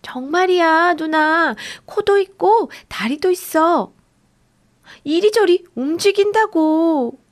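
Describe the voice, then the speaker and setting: A woman voicing an excitable little boy who shouts eagerly at his big sister. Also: on the high side, measured pace, vocal fry, heavily acted. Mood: excited.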